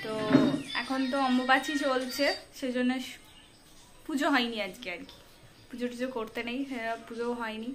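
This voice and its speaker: A woman's voice: fairly high pitch, level tone, normal speed, long pauses, fairly bright tone, soft background music. A young woman, chatting straight to her viewers as she records a casual home vlog. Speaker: vlogger. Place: at home, indoors and outdoors. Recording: noisy home phone recording.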